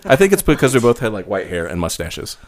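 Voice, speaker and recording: A man's voice: fairly low pitch, fast talker, no echo. A man hosting a podcast, reading a jokey scripted intro and then chatting casually with friends. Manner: lively, joking, animated delivery. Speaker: podcast host. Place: small room with friends.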